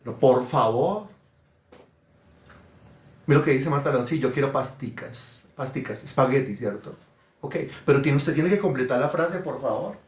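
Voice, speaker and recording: Emphatic preacher. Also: male voice, medium pitch, roomy sound. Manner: emphatic, acts out parents and children in quick put-on voices. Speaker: pastor. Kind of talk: sermon.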